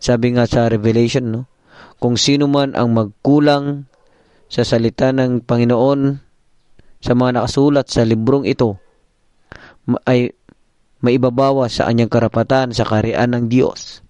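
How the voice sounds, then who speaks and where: A man's voice: medium pitch, darkish tone, clean tone, dry recording. A man preacher telling a story and giving a morning devotion sermon, calling his listeners brethren, on a dull, dry recording.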